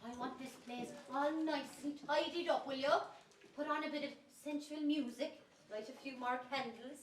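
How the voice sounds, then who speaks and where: A woman playing a bossy, man-hungry landlady in an amateur stage pantomime, shrill, camp and declaiming to the audience. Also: moderate pace, natural voice. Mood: bossy, conspiratorial. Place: community centre stage. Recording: echoey hall from far off, faint noise.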